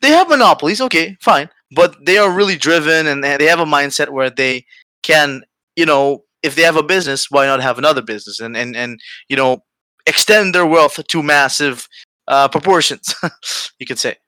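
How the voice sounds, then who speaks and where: Male podcast host, Aruban accent. Bright, slightly higher voice, halting conversational delivery, dry sound. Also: no room sound. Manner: halting, searching for words, frequent "you know". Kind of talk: casual conversation.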